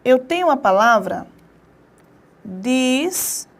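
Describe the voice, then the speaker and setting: A woman with a notably high voice teaches a grammar lesson. She is emphatic and keeps urging her students to pay attention, and she slows right down to spell words out one syllable at a time. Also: lively intonation. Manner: emphatic, often repeats warnings to pay attention.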